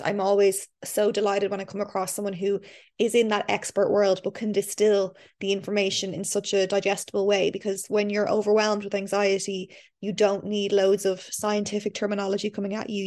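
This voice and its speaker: An Irish woman speaks as a podcast host. Her voice is average in pitch. She talks to listener and guest in a chatty, effusive manner. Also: flat delivery, fairly quick, a little mellow. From Ireland. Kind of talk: scripted podcast introduction, then casual interview chat.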